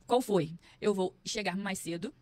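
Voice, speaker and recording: A carioca woman with a mild stammer tells her story openly as a podcast guest, now and then acting out what she once said. Her pitch sits in an ordinary middle range. The studio sound is dry and close. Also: measured pace, dark tone, dry recording. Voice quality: mild stammer, occasional blocks on words. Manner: frank storyteller, reenacts her own past remarks. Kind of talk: casual interview chat.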